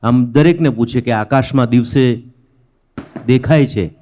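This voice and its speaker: Mellow-voiced male event anchor. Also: mid-range voice, unhurried, slight background noise. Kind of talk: stage compering, telling an anecdote.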